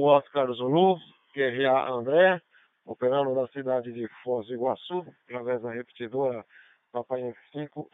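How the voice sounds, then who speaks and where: Smooth man on radio repeater. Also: mid-range voice, no echo, narrow, tinny audio. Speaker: amateur radio operator. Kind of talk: radio check-in with spelled call sign. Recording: band-limited radio repeater transmission.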